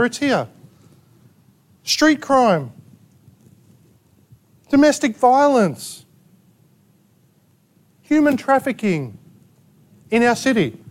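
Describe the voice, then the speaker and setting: An Australian man preaches with a notably high voice. He delivers his sermon emphatically, firing rhetorical questions and sharp asides at his congregation. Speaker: pastor. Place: church gathering in a rented hall.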